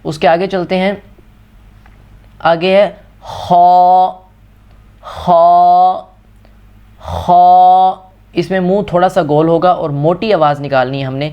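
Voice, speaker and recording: A man teaching Quran reading in a patient step-by-step lesson, slowly repeating and stretching out each letter. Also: fairly high pitch, fairly even intonation, lo-fi sound.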